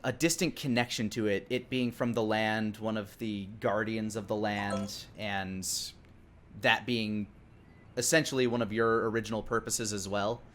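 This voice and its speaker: The recording has a clearly noisy background behind a man running a tabletop game as game master. With a fairly low, steady, fairly bright voice at a moderate pace, he improvises his narration and hunts for words while describing the scene.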